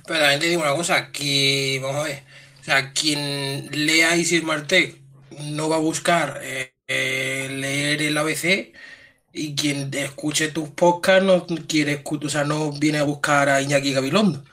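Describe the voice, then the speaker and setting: A man's voice: fairly high pitch, steady tone, measured pace, pushed and bright. A man with an Andalusian Spanish accent co-hosting a casual tech podcast chat, joking and swearing freely. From Andalusia, Spain. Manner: chatty, swears casually, jokes with his co-host. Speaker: podcast co-host.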